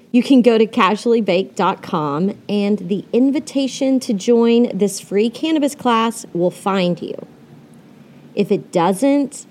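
A woman's voice: mid-range voice, a little mellow. A woman hosting her podcast in a candid, chatty way, swearing casually and laughing often. She speaks from under a blanket on her bed, so her voice sounds muffled. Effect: muffled, recorded from under a blanket. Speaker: podcast host. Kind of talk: casual solo podcast monologue.

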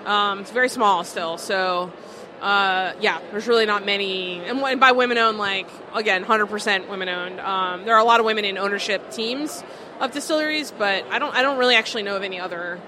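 A woman's voice: medium pitch, fairly quick. Chatty woman in a noisy market. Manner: chatty, full of "like" and "um" fillers. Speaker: distillery co-owner. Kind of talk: casual interview answers. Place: busy food market.

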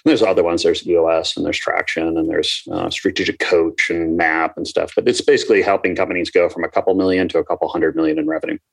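A man's voice: low voice, fairly even intonation, fast talker, vocal fry, few pauses. A man raised in Minnesota, a business coach, explaining at length in a casual interview with many fillers.

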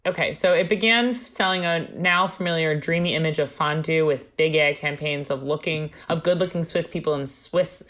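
Low-voiced and fairly bright, a woman co-hosting a casual podcast reads her notes at normal speed with hardly any pauses. Her asides are wry, jokey and playfully conspiratorial.

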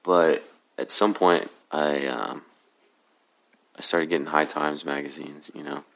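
A man from Oklahoma with a very deep, low magnetic voice, answering interview questions casually in a hesitant, laid-back, halting way. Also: fairly even intonation, a bit bright. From Oklahoma City, USA. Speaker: podcast guest, cannabis grower.

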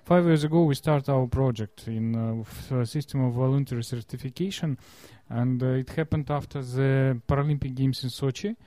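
Explaining during an interview, a man from Russia struggles through non-fluent English in a Russian accent, pausing to find words. He has a mellow, medium-pitched voice, recorded without echo.

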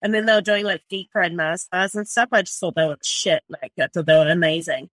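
A woman's voice: on the low side, fairly quick, no echo, low-quality recording. A woman, a chef rambling animatedly in a casual podcast interview, full of filler words and swearing. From New Zealand.

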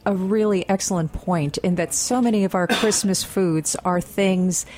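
A woman's voice: fairly low pitch, moderate pace, background noise. A woman guest in a radio studio giving articulate, lecture-like explanations in casual conversation. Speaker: food historian guest.

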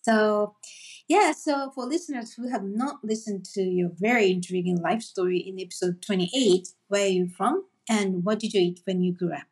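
A woman hosts an interview podcast with a soft, breathy voice at a middle pitch. She reads her introduction steadily from a script and then moves on to short, friendly questions for her guest. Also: normal speed. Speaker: podcast host.

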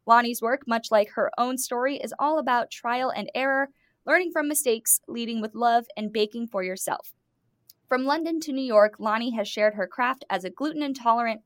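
A woman's voice: fairly high pitch, fairly bright tone, no echo, studio quality. A woman guest-hosting a food podcast, enthusiastically reading scripted guest introductions and then interviewing her guests. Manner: enthusiastic, reads guest bios with emphasis.

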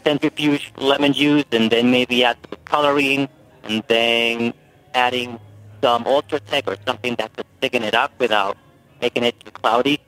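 Radio caller, male, on a glitchy, buzzy phone connection that cuts out, talks haltingly. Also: medium pitch, steady tone, fairly bright tone. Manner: halting, searching for words with ums. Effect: buzzy glitchy phone line that keeps breaking up. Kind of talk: call-in question on a radio show.

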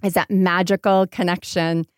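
An American woman from Maine, a startup entrepreneur appearing as a podcast guest, gives reflective, conversational answers and stresses her points with emphasis. Her lowish voice is flat and at normal speed. The studio sound is clean, with no echo.

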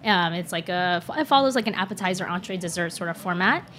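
A young adult woman, a chef born in Shanghai and from the United States, speaks as a guest in a casual interview with a lowish, slightly bright, expressive voice at a quick pace. She talks earnestly and reflectively, often filling pauses with "like" and "um." There is slight background noise.

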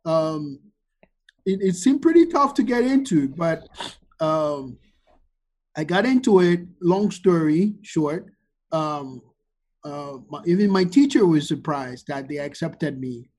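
A man's voice: a little high, animated, takes it slowly, darkish tone. A man, the guest on a podcast interview, telling his story at length with frequent ums and uhs. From Ghana. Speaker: guest, wine expert.

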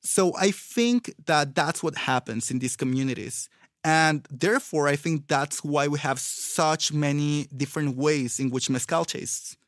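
A man's voice: on the high side, unhurried, a bit bright, dry recording, clean studio sound. A man from Mexico, a native Spanish speaker with a Mexican accent and Spanglish-tinged English, explaining things casually with reflective, teasing enthusiasm. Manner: Spanglish, English with Spanish-influenced words and pronunciation.

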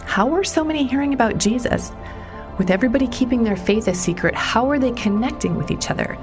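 A woman reporter narrating a documentary story in a measured storytelling way, sometimes stressing questions. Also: fairly high pitch, lively intonation. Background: music underneath.

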